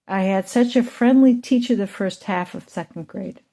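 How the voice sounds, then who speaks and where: Woman, mother, host, personal storytelling monologue, emotional, rambling, mellow dark tone. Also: mid-range voice, normal speed. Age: adult with children. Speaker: channel host.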